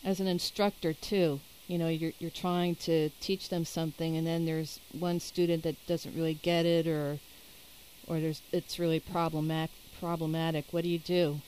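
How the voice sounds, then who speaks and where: Woman interviewer, low mellow voice, chatty questions, thinks out loud. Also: flat delivery, normal speed, a little hiss or hum, poor audio. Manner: conversational, backchannels, thinks aloud.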